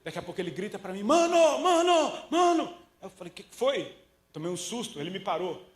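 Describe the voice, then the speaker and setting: A Brazilian man preaches with a somewhat high, lively voice and tells stories in casual slang, acting out what his characters say. The sound rings in a roomy echo. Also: fast. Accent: Brazilian Portuguese. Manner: animated storytelling, slangy, acts out quotes. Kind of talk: sermon.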